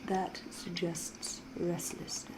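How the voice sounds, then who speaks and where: Pitched on the low side and delivered in a monotone, a woman's half-whispered ASMR roleplay casts her as an elegant, sly, flirtatious vampire. She uses genteel phrasing and teasing pauses, creating a silky, intimate mood.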